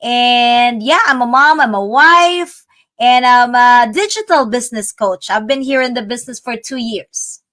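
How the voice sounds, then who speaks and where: A middle-aged Filipina business coach chats earnestly on a live video call in a casual live-stream style. Her voice is a little high, animated and a bit bright, though she talks a little slowly, and she's chatty and laughs easily.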